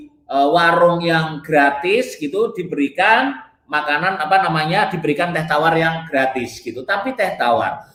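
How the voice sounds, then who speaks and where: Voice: medium pitch, fairly bright tone. A diet coach gives a blunt, emphatic motivational talk, firing off rhetorical questions and answering them. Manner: keeps addressing listeners as friends, blunt and scolding. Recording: roomy echo.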